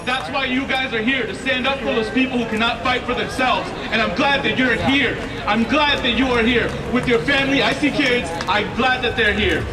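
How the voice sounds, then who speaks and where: A man's voice: very high voice, normal speed, few pauses. A man giving a rousing union rally speech, exhorting the crowd with repeated phrases and calls for a response. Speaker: rally speaker. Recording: roomy outdoor sound, distant mic, crowd.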